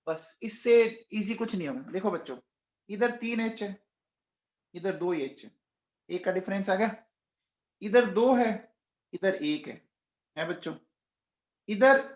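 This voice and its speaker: A man's voice: high-pitched, lively intonation, takes it slowly, long pauses, reverberant. A man teaching a chemistry class online, coaxing and quizzing his students again and again and raising his voice to get answers. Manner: raises voice, says he is shouting nonstop. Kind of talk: live online class lecture.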